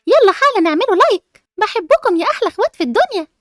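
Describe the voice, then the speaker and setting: Excited Egyptian channel host, very high. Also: female voice, very fast, no echo, studio quality. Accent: Egyptian Arabic. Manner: excited, pleading. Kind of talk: upbeat outro to viewers.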